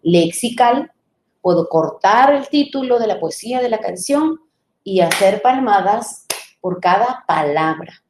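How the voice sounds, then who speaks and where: A woman teacher trainer giving a live online lecture, explaining patiently, sounding out syllables slowly and checking in with her listeners. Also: medium pitch, expressive, echoey room, slight background noise.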